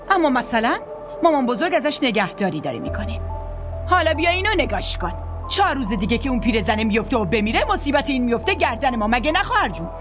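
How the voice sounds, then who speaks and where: A woman dubbing a bitter young wife who complains sharply and resentfully. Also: on the high side. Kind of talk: Persian dubbing of a drama series. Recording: voice over loud music.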